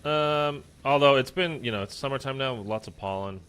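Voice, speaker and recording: A man's smooth, fairly bright voice at medium pitch carries casual, moderately paced commentary on a zombies game session. The streamer rambles with plenty of fillers and sounds congested and stuffed up.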